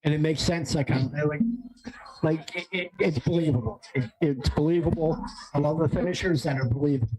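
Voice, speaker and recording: A slightly high-voiced man hosts a casual watch-along, talking in an excitable, rambling way. He trips over his words and corrects himself often. He sounds amped up on coffee. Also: brisk, crowd noise, low-quality recording. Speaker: stream host.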